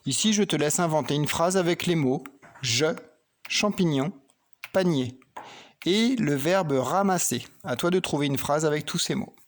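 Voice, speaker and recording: A man's voice: fairly high pitch, unhurried. A man teaching a child to read and write, patiently talking through each pen stroke and spelling words letter by letter. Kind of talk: slow handwriting and phonics lesson for children.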